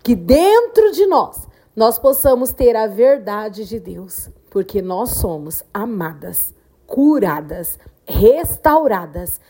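A woman hosting a devotional podcast, preaching in a slow, fervent way with emphatic repetition. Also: mid-range voice, dark tone. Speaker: podcast host, devotional speaker. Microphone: podcast microphone.

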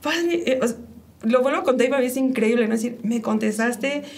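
A middle-aged woman shares her personal faith testimony emotionally, often voicing her own inner thoughts, with frequent fillers. Her voice sits on the high side with fairly even intonation and a darkish tone, and she races along.

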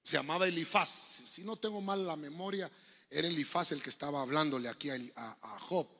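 A middle-aged man with a Honduran Spanish accent, preaching a lively sermon, telling jokes and stories and acting out voices. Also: a little high, brisk. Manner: joking, storytelling preacher, acts out voices. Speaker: pastor.

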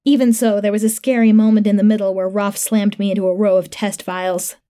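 A woman narrating a first-person sci-fi horror story in a calm, matter-of-fact way. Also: mid-range voice, brisk.

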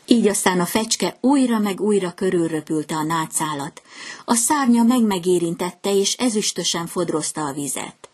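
Woman storyteller reading a fairy tale. Low and breathy, gentle and measured. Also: animated.

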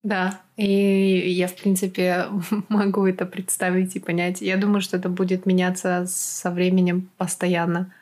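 Flat-toned woman interviewer. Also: on the low side, moderate pace. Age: adult over twenties. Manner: reflective, frequent soft backchannel hums. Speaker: podcast host. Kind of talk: interview questions.

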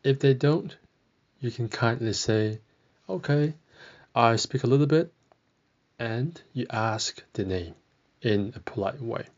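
Slow, deliberate male language teacher. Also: medium pitch, dull audio. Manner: slow, careful modelling of phrases, repeated twice. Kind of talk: podcast language lesson.

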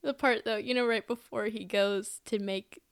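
A woman's voice: mid-range voice, steady tone, normal speed, creaky, clean tone, no echo, clean studio sound. A young woman co-hosting a casual podcast review, talking animatedly and acting out character lines with laughs. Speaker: podcast co-host.

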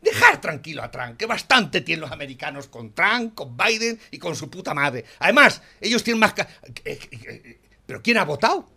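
A middle-aged man with a Spanish accent from Spain, ranting and swearing in a heated political chat, tagging a questioning "eh" onto his lines and swinging between muttered disgust and shouting. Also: fairly high pitch, sing-song, moderate pace, gravelly, slightly rough.

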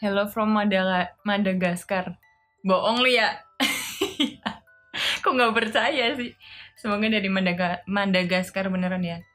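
A woman's voice: medium pitch, a little slow, long pauses, fairly bright tone. Chatty woman on a livestream, giggly and playful, reading out chat, faint music behind. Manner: playful, laughs often, reads viewer comments aloud; tries out simple Japanese phrases. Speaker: live streamer. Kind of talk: casual live stream chat.

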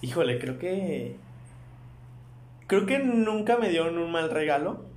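A man's voice: on the high side, takes it slowly. A man with a Mexican accent chatting casually on a podcast, telling stories with lots of energy and easy swearing. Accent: Mexican Spanish. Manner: animated storyteller, swears casually. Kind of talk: casual chat. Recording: roomy echo.

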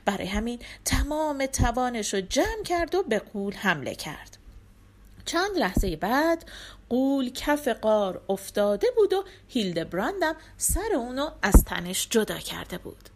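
A woman's voice: fairly high pitch, very animated, a little hiss or hum. A woman storyteller narrating a folk tale in a scripted, dramatic reading.

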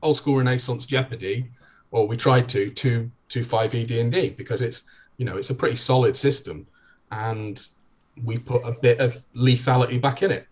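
A man, a game designer guest on a podcast, explaining in a steady, methodical way. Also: mid-range voice, moderate pace. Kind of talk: podcast conversation.

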